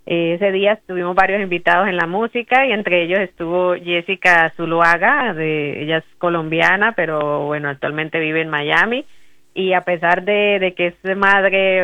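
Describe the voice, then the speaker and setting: A woman co-hosting a radio show, speaking haltingly and often restarting her words. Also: lowish voice, fairly even intonation, no echo. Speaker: radio co-host. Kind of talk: casual radio chat. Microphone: phone. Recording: tinny phone line.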